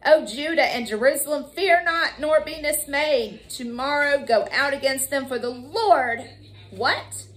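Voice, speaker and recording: A woman preaching a fervent sermon, crying out hallelujah and woo, calling listeners y'all and drawing scripture lines out slowly. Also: high voice. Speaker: evangelist preacher.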